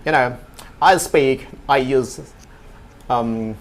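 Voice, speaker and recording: A man's voice: medium pitch, extremely slow. A man from Tobelo on Halmahera, a podcast guest, telling stories in casual chat, switching into English and laughing often. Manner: animated storyteller mixing in English, laughs often.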